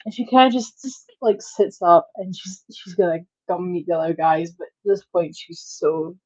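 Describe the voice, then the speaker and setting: A woman playing in a tabletop game, telling her character's actions in an animated way with swearing. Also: fairly low pitch, normal speed, dry recording, highs cut off. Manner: animated, swearing, laughing storyteller. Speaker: player.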